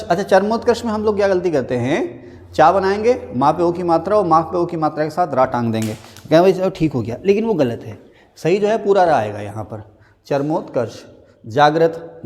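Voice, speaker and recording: Male teacher, a touch high, drills correct spellings in a reverberant space. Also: darkish tone. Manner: drills words, stating the wrong and the right spelling again and again; slows right down to spell a word out. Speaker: Hindi grammar teacher. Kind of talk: classroom-style spelling lesson.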